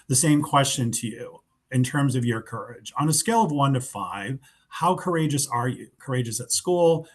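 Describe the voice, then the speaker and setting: Male webinar host, mid-pitched, casual and unpolished, lots of ums, video call. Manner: informal, loose, with many fillers. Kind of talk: webinar presentation.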